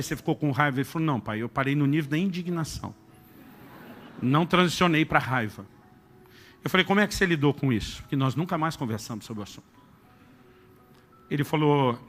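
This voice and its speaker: A middle-aged man preaching a sermon, telling a family story with acted-out dialogue and shifts to a soft, intimate tone. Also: on the high side. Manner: animated storyteller acting out dialogue, dropping to soft intimate tones. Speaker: pastor.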